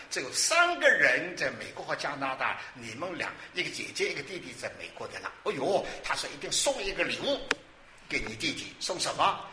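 A man in his sixties preaching a sermon, lively and exclamatory, asking questions and answering them himself. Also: a little high, a little hiss or hum. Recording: roomy hall with faint ambience.

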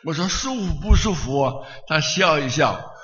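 A man preaching a sermon as a pastor, telling stories in a lively way and chuckling now and then. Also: on the high side, normal speed. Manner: animated, chuckling storyteller. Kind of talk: storytelling sermon. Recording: echoey hall, slightly muffled.

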